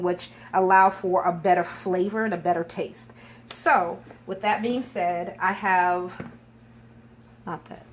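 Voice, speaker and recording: Recorded on a phone camera in an indoor home kitchen, this woman, a chef and caterer, runs a live cooking demo. She chats, explains as she goes, and trades jokes with her helpers. Her voice is medium in pitch, and there's a little hiss or hum on the audio.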